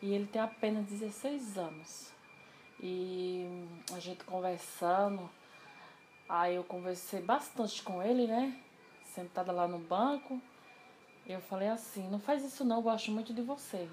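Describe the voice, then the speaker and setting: A woman telling a personal story in a casual interview, animated and acting out the dialogue she quotes. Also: medium pitch, a little slow, a little hiss or hum.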